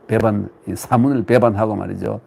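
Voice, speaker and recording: A man's voice: fairly low pitch, fairly even intonation, a little fast, creaky, darkish tone, breathy edge. A man giving a casual lecture on classical texts, chatty and rambling, full of fillers and asides.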